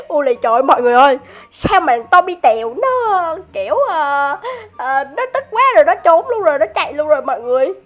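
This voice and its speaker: Very high-pitched excited woman gamer. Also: a little fast. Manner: excited, teasing, chatty, laughs often; addresses viewers directly. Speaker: gaming YouTuber. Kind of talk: game commentary.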